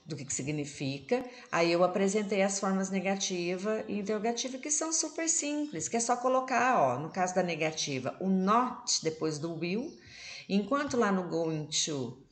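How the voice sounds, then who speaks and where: A woman with a Brazilian Portuguese accent teaching an English grammar lesson to her students in a recorded online class, explaining patiently and checking in with them constantly. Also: on the low side.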